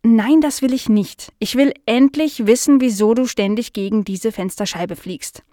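A woman voicing an eager, easily indignant young female dog in a children's audio story, speaking high and loud. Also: lively intonation, moderate pace, dry recording, clean studio sound, lightly acted. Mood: insistent.

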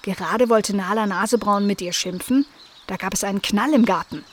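A woman narrating a children's story in a gentle, even storytelling manner. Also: mid-range voice, moderate pace, a little hiss or hum.

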